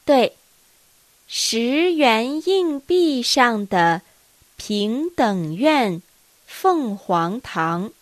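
A woman teaching a language lesson, reading dialogue lines with careful, deliberate enunciation. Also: fairly high pitch, lively intonation, no room sound.

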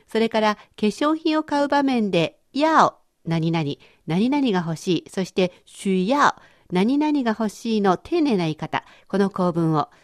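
A woman leading a radio language lesson who explains words clearly and patiently. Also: on the high side, no room sound, clean studio sound. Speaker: language teacher.

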